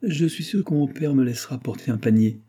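A man reading an audiobook and voicing a shy young woman who murmurs softly. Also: medium pitch, fairly quick, pitched above the performer's own voice, close to an everyday voice. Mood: pleading. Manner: soft, murmuring.

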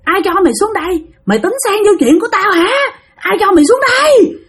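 A woman's voice: sing-song, a little slow, fairly bright tone, exaggerated voice. Woman putting on a shrieking angry ghost mother. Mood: furious shrieking. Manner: shrill scolding, hurls repeated demands. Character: furious middle-aged female ghost, a mother.

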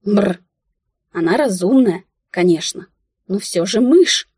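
A woman narrating an audiobook in the first person, ironic and expressive. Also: mid-range voice, slow, breathy edge, no room sound, studio quality.

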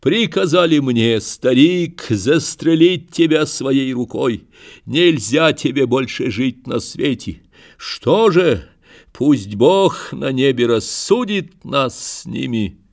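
A man's voice: medium pitch, expressive, slow pace, creaky, voice pushed up. A man voicing a grieving but resolute grey-maned old man who speaks in a firm, ringing, solemn voice. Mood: grim resolve. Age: over 60. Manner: solemn, declaiming.

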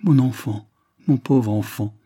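A man's voice: medium pitch, moderate pace, warm tone, breathy edge. A man voicing a sorrowful, frail older mother in a storybook reading, with plaintive delivery. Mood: grieving.

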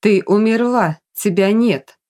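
A woman's voice: mid-range voice, takes it slowly, mellow, natural voice. A woman voicing a young man terrified by a ghost, panicked, stammering and pleading.

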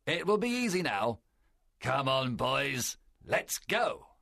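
A man voicing a cunning one-legged pirate leader in a storybook reading, forceful and domineering. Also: medium pitch, big pitch swings, takes it slowly, gravelly, voice pushed up, heavily acted. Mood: eager.

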